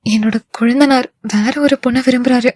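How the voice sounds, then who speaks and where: A woman's voice: on the high side, steady tone, fairly quick, a little mellow, no room sound, studio quality, lightly acted. Brief: irritable older sister in an audio novel, voiced by a woman. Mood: firm. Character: elder sister-in-law, irritable and upset.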